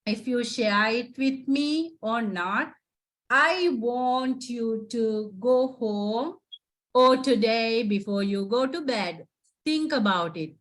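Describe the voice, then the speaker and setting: The audio is poor, but her slightly high, fairly bright voice comes through, speaking slowly. She is a psychotherapist presenter from Sri Lanka, a native Sinhala speaker with a Sri Lankan accent, encouraging students in a lecture and often adding "right?"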